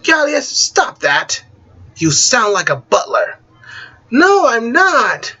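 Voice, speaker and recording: Man as anxious young male hero; urgent, husky, slow. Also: extremely high pitch, wildly swooping pitch, pushed and bright, muffled recording, voice pushed up, heavily acted. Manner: urgent, pleading.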